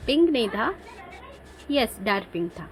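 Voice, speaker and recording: A woman's voice: a little high, sing-song, unhurried, slight background noise, rough recording. A young woman vlogging at home, chatting her way through getting ready and often correcting herself mid-sentence. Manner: rambling, self-correcting, homely. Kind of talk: chatty get-ready-with-me narration. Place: home bedroom. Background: child crying and shouting.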